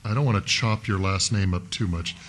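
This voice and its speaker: A city councilman questions an applicant at a public hearing through a desk microphone, folksy and methodical, thinking aloud with fillers. His voice is low, brisk and a bit bright. The council chambers carry slight background noise.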